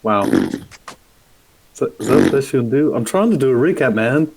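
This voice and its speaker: A man's voice: mid-range voice, very animated, normal speed, gravelly, noisy background. A man playing in a tabletop game, goofily freestyle-rapping a recap of the last session. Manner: playful, goofy. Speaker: player. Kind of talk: freestyle rap recap, casual chat.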